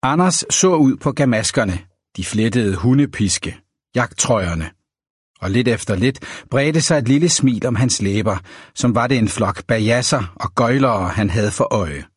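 A man reading a novel aloud as an audiobook narrator, in a measured, even storytelling manner. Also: medium pitch, breathy edge, no room sound, clean studio sound.

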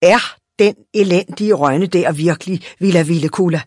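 A reader voicing a pompous, grumpy well-dressed man in a storybook reading, with a haughty, husky voice. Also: medium pitch, darkish tone, no room sound, clean studio sound, lightly acted. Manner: haughty and curt.

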